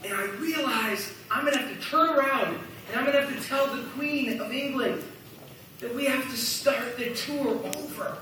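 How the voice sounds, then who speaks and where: A man doing a quiet voice of an earnest man recounting a dream, slow and halting. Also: very high voice, background noise. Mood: hushed earnest. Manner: hushed, slow, halting storytelling. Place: large church hall. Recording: echoey hall from far off.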